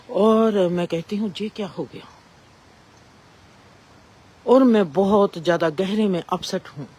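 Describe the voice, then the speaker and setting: A woman telling a reflective spiritual story in a slow, measured way with long pauses. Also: medium pitch, a little mellow.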